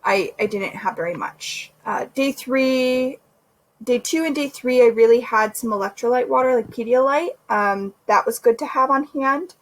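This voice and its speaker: A woman's voice: a little high, moderate pace, poor audio. A young woman vlogging casually about her recovery, chatty with lots of fillers, sore and a little short of breath. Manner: chatty, many fillers and restarts. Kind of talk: casual recovery vlog chat.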